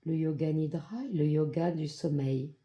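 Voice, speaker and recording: With dull audio, a yoga nidra guide speaks in an androgynous, mid-range voice, softly narrating a guided meditation. Calm and soothing, the measured instructions are separated by long pauses.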